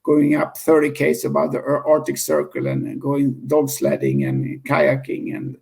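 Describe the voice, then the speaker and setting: Here the same kind of speaker, a man in his fifties from Sweden with a Swedish accent, answers casually as an interview guest, his fairly high voice carrying vocal fry and a darkish tone. He keeps stopping to restart and fix what he's said, and laughter comes easily to him.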